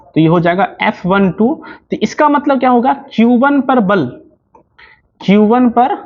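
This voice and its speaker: A man's voice: very high-pitched, animated, a little slow. A male physics teacher lecturing at a board, who keeps asking questions and answering them himself. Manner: repetitive, asks questions then answers them. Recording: dull lo-fi sound.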